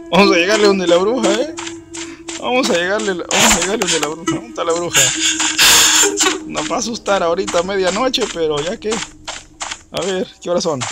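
A man gives casual commentary over his gameplay, his pitch leaping around as he jokes, coaxes his character and yells at the screen. Loud game music plays under his voice the whole time. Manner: jokey, talks to his character and shouts at the game.

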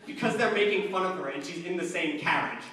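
A young man from Long Island doing a stand-up comedy set on a stage, lively and scattered with many fillers, recorded from far off in a large hall with the audience laughing. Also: sits high, fast, crowd noise. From Long Island, New York. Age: young adult. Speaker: stand-up comic. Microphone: handheld mic, filmed from far seats.

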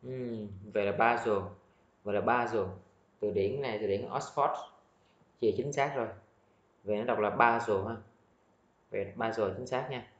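A man leads a pronunciation lesson at a mid pitch, repeating each word and explaining its sounds patiently. His voice carries a roomy echo. The recording sounds dull and lo-fi. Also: moderate pace, pauses often. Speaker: English teacher. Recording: echoey, dull lo-fi room sound.

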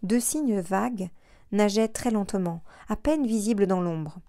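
A woman reads an audiobook aloud in a measured, expressive way, her voice sitting in the mid-range. The scripted narration is recorded cleanly in a studio with no room sound.

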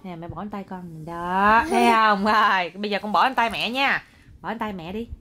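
A woman's voice: mid-range voice, moderate pace. Young mother, casual home video, coaxing and scolding, faint background noise. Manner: coaxing, scolding and exclaiming at a toddler. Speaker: mother filming her child.

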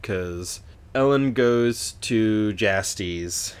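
A man's voice: fairly low pitch, drawn-out words, smooth. A man co-hosting a book podcast, recapping chapters in a rambling, profane way with frequent laughs. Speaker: podcast co-host. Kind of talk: casual book discussion.

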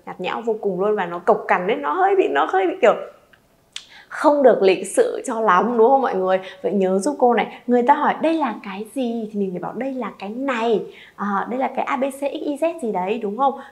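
A woman's voice: a little high, lively intonation, fast, a little mellow. A woman, teaching a beginner Chinese lesson and coaxing students to repeat aloud.

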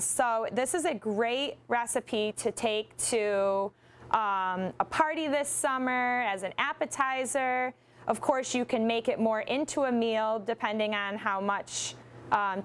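In a big studio kitchen, a young woman fronting a nutrition segment walks through a cooking demo step by step, steady and instructive, with a few ums. Her voice is on the high side, and there's a little hiss or hum.

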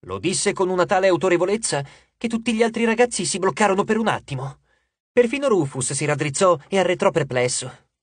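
A man narrating an audiobook in an expressive storytelling manner, close to the mic. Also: high-pitched, fairly quick, slightly rough, dry recording. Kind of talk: scripted narration.

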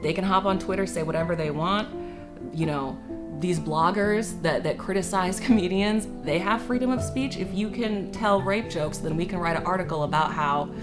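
A woman's voice: lowish voice, moderate pace, over music. A young woman, a stand-up comedian, speaking bluntly and opinionatedly in a documentary interview. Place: room with brick wall.

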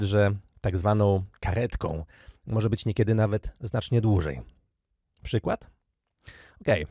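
A man's voice: mid-range voice, no room sound, clean studio sound. A man in his thirties from Poland, giving a prepared, lecture-style podcast talk and addressing the listeners directly. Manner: measured, addresses listeners directly, lively intonation. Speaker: university lecturer, podcast guest.

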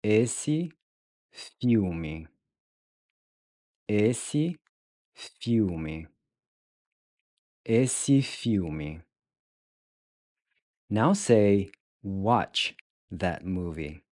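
A man leads a beginner language lesson in a low, unhurried voice. He speaks with great care and repeats each word several times so learners can follow. The sound is dry and close. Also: lively intonation, mellow, no echo. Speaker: language teacher.

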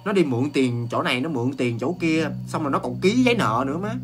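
A man with a Southern Vietnamese accent telling a ghost story in a chatty, animated way, full of exclamations and restarts. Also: a little high, quick pace, over music.

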